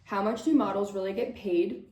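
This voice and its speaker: A young woman in her twenties, a model who vlogs, takes viewer questions in a casual chat to camera, bubbly and laughing a lot while slightly breathless. Her mellow, mid-range voice moves at normal speed with fairly even intonation, and the room gives a noticeable echo.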